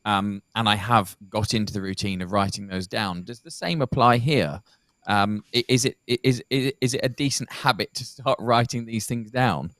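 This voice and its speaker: A man co-hosting a live online chat, asking halting, self-deprecating questions. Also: lowish voice, fairly bright tone, no echo. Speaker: co-host. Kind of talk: casual chat.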